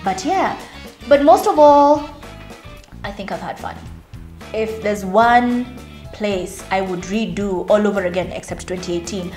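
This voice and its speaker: A woman's voice: medium pitch, a little mellow. A woman in her thirties talking candidly to camera about her career, chatty and at times close to tears. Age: 30s. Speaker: media personality and vlogger. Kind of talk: emotional reflective talk to camera. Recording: roomy echo with faint music.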